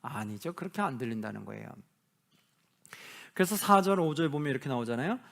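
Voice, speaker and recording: A male pastor giving a Bible study lecture, reading scripture slowly and asking the class questions that he answers himself. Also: mid-range voice, very animated, gravelly, a bit bright. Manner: acts out quoted lines of imagined people.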